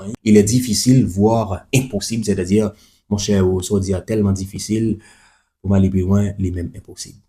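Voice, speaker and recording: Mellow-voiced man teaching French. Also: lowish voice. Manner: spells words letter by letter, repeats each example; chatty asides to the listener. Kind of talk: explaining a language lesson.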